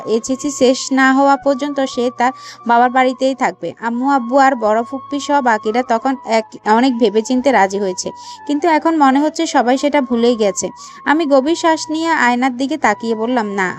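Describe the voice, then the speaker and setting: Expressive woman reading a romance story. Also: on the high side. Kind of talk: first-person romance story narration. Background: faint background music.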